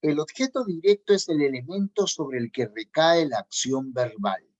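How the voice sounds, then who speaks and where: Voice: medium pitch, expressive, moderate pace, a little mellow. A teacher giving a grammar lesson, repeating key points and checking in with the students. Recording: dull lo-fi recording.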